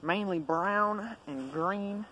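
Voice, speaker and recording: A young man hosts a casual, folksy how-to video in the woods, explaining things informally to the camera. His voice is high, slow, bright and forceful. A handheld camera a few metres away picks him up along with outdoor noise, and the quality is low.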